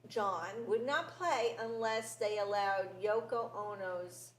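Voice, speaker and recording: Older woman hosting, slow giggly quizmaster. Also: mid-range voice. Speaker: talk show host. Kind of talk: casual trivia quiz chat. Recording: roomy studio with faint hiss.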